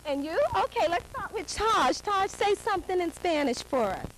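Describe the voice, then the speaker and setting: A woman from New York hosting a children's show, chatting with kids in a lively, encouraging way and laughing often. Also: extremely high pitch, normal speed, slight background noise, poor audio. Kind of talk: casual chat with children.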